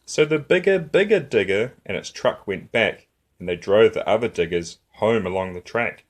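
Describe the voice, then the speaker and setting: Hosting storytime, a man reads aloud from a rhyming picture book for little kids with plenty of expression and rhythm. His pitch is fairly low and his pace moderate.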